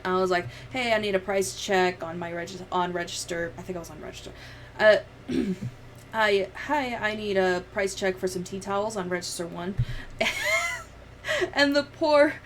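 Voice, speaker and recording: A woman livestreamer with a mid-range voice chats and tells stories in a casual, giggly way, swearing freely. There's slight background noise.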